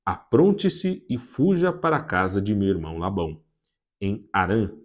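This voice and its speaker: A man's voice: on the low side, very animated, moderate pace, muffled recording. A man reading aloud the lines of an anxious mother urging her son to flee, in an urgent, warning tone.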